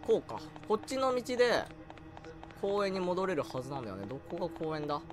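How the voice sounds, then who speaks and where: A man's voice: high voice, sing-song, brisk, music in the background. A man giving let's play commentary while he plays, chatty and easily startled, yelping and repeating words when something frightens him. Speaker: game streamer.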